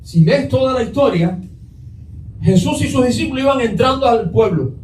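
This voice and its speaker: Male pastor preaching, questioning his congregation; higher voice, reverberant room. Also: expressive, normal speed, darkish tone, distant mic, a little hiss or hum. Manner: asks the congregation questions and answers them. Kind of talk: Sunday sermon. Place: church sanctuary.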